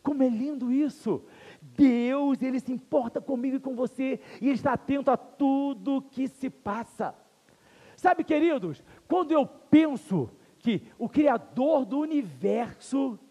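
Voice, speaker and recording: A Brazilian-accented male pastor delivers an earnest sermon, leaning on slow repetition and rhetorical questions. His voice sits very high yet soft and mellow. The sound rings with the long reverb of a church hall. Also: slightly rough. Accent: Brazilian Portuguese. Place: church sanctuary.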